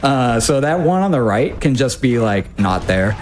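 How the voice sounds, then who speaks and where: A man's voice: medium pitch, sing-song, moderate pace, slight background noise. Casual man commentating his own speedrun. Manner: informal, wry, self-interrupting thinking aloud. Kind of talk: casual live gameplay commentary.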